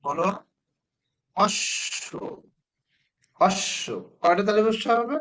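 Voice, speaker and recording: A man, teaching spelling to a children's class, patiently repeating words slowly and quizzing the pupils. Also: high voice, expressive.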